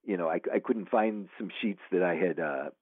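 An author being interviewed chats casually in a low-pitched voice at a moderate pace, rambling with many fillers and restarts. The sound is dry and tinny, as over a phone line.

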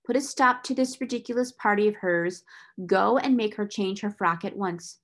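A woman's voice: mid-range voice, moderate pace, close to an everyday voice. A woman voicing a cold, furious, domineering older schoolmistress with a fierce, biting delivery in a storybook reading. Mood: harsh, commanding.

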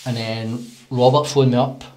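A man with a broad Glaswegian Scots accent and a husky voice, telling comic anecdotes in casual, sweary slang on a close studio mic. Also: mid-range voice, little pitch movement, normal speed, a little mellow. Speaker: podcast guest, comedy writer and actor. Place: small podcast studio. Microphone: close studio condenser on arm.

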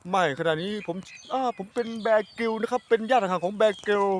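High-voiced Isan man joking outdoors. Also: fast talker, slight background noise. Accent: Isan Thai. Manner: rambling, crude, self-mocking humor. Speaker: vlogger. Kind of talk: joking outdoor vlog banter. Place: outdoors in a grassy field.

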